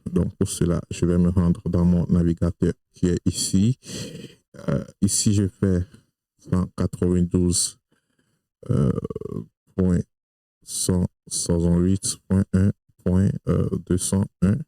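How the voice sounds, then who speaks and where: A man with a very low, dark voice talks through a screen-recorded tech tutorial, full of fillers and restarts. He is not a native French speaker. His gravelly tone is recorded close on a desk mic in a dry room. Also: little pitch movement, takes it slowly, no room sound, poor audio. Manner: hesitant, many fillers and restarts.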